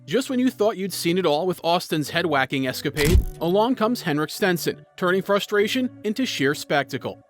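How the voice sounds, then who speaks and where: High-pitched male narrator over music. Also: animated, fairly quick, few pauses. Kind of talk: scripted video narration.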